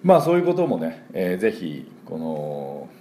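A man's voice: deep voice, wildly swooping pitch, normal speed, dark tone, slight background noise. A man, an English teacher and school principal, giving a casual spoken radio lesson, chatty with many fillers and modeling pronunciation aloud.

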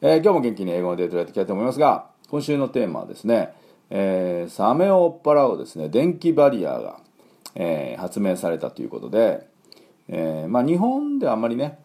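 A man's voice: on the low side, huge pitch swings, brisk, vocal fry, mellow. A man teaching English pronunciation in a casual spoken lesson, chatty with lots of fillers and repeated sound demonstrations.

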